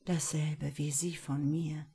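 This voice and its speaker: A charming man who speaks in a soft, almost whispered tone, as a woman reads him. The voice is low and mellow. Its delivery is slow and breathy. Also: little pitch movement, full character voice. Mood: seductive.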